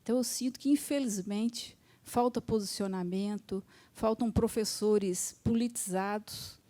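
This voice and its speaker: A woman's voice: medium pitch, unhurried, dark tone. A woman in her fifties from Minas Gerais, a surgeon and literature student, earnestly asking a critical question from the audience. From Minas Gerais, Brazil. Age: 50s.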